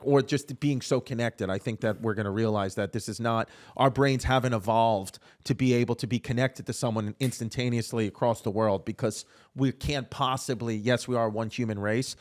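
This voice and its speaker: A man hosting a casual podcast, rambling and repeating himself as he talks. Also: medium pitch. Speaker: podcast host. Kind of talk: casual conversation.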